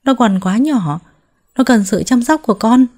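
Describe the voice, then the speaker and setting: A woman voicing a young mother who pleads gently and tearfully, with a mellow tone. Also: a little high, lively intonation, normal speed, voice pushed up. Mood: pleading.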